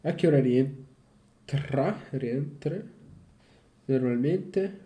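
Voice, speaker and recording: Male self-study vlogger: very dark tone, unhurried, halting delivery with frequent restarts and swearing. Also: mid-range voice. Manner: halting, repeats syllables, swears in frustration. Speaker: language learner. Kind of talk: casual self-study vlog, reading aloud.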